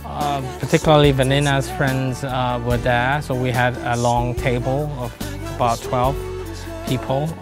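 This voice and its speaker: A middle-aged Thai man recalling how he met his fiancée in a sit-down interview, pausing often with ums and uhs. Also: mid-range voice, level tone. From Thailand. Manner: hesitant, many ums and uhs. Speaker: groom-to-be interviewee. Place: bright sunroom by a garden. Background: soft music.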